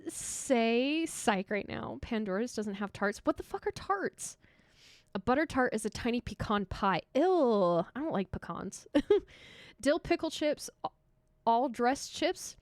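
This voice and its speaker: A woman's voice: a little high, lively intonation, unhurried, no room sound, clean studio sound. A young American woman streaming live, chatting casually and teasing her viewers with frequent laughter. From United States. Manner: giggly, teasing, laughs often.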